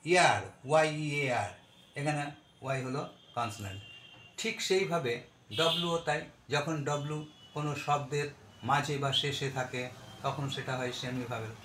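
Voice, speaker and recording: Bright-voiced male teacher spelling out words. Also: on the high side, a little hiss or hum. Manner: spells words letter by letter, slows to stress examples; addresses students directly with questions. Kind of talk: grammar lesson.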